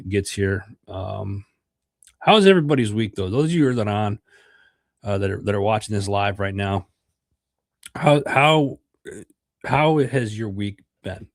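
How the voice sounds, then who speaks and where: With a fairly low pitch and noticeable vocal fry, this middle-aged American man hosts a podcast livestream, congested from a cold and rambling with many fillers and repetitions. The recording is dry and cleanly studio-produced.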